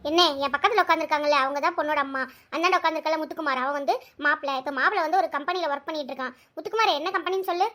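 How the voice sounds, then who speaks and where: A woman voicing a bustling mother of the bride in a cartoon, chattering in a hospitable, rapid way. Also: high voice, pushed and bright. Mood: fussing. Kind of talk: cartoon voice acting.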